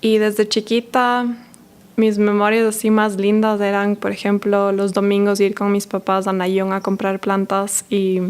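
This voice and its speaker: A woman, a guest on a podcast, telling stories from her childhood in a relaxed way, with many fillers. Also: mid-range voice, unhurried, clear, resonant tone. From Ecuador. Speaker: guest, herbal medicine expert. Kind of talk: casual interview talk.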